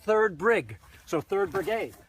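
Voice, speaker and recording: A man's voice: sits high, big pitch swings, slow, a bit bright, slightly rough, rough recording. A man giving an enthusiastic, conversational walking tour outdoors on a battlefield, streamed live on a phone. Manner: enthusiastic, conversational, lots of "you know". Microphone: phone livestream.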